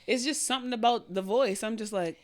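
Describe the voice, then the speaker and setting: A woman chatting casually as a podcast co-host, with an animated, slangy way of talking full of swearing. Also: on the high side, fairly quick. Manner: animated, slangy, profanity-laced talk. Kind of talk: casual chat.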